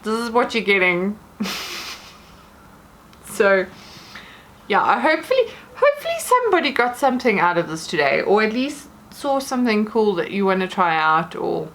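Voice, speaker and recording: A woman's voice: mid-range voice, big pitch swings, normal speed, fairly bright tone, a little hiss or hum. A woman vlogger chatting casually to camera from her bedroom at home, rambling in a self-deprecating way.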